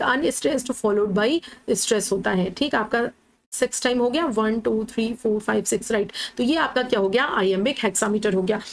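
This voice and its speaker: A woman who teaches literature explains poetry in a lecture mixing Hindi and English over slides. Her voice is fairly high, and she goes step by step, poses questions and answers them herself, often checking in with "ठीक है".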